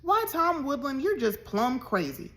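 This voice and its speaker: A woman voicing an outspoken little farm girl who talks quick and high, in a read-aloud storybook. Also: big pitch swings, fairly bright tone, heavily acted. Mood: indignant.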